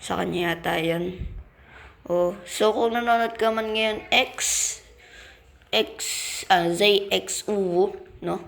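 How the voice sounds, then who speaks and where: A man with a Filipino accent hosting a gaming channel, giving excitable casual commentary as he plays and exclaiming when things go wrong. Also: high voice, takes it slowly, vocal fry. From Philippines. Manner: excitable, yelps and exclaims while playing.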